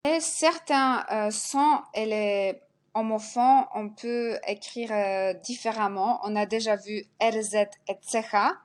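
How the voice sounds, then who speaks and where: A woman's voice: on the high side, slow. A woman teaching Polish pronunciation in French, sounding out each letter and example word and repeating it. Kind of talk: spelled-out pronunciation lesson.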